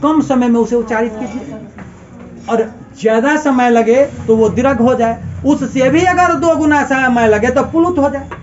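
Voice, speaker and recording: A man's voice: very high voice, normal speed, muffled recording, faint music behind. A male teacher giving a grammar lesson to a class. He keeps asking questions and repeating the answers as drills.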